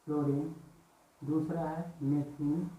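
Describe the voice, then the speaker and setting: A man's voice: a little high, little pitch movement, slow, reverberant, narrow, tinny audio, a little hiss or hum. A male teacher giving an exam-prep reasoning lesson, explaining step by step and often checking in with "theek hai".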